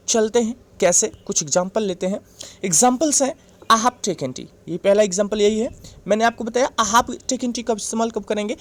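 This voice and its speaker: Patient Indian teacher checking in often. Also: male voice, sits high. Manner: patient, repetitive, checks in with "right?". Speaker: English teacher. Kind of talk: classroom lesson explaining grammar.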